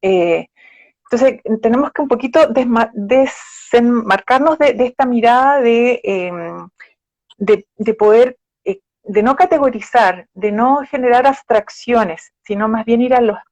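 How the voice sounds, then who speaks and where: A woman psychologist guest speaks a little slowly in a fairly high, darkish voice during a live conversation. Patient and explanatory, she leans on examples with quoted phrases, and the recording is dull, dry live-stream audio with no room sound.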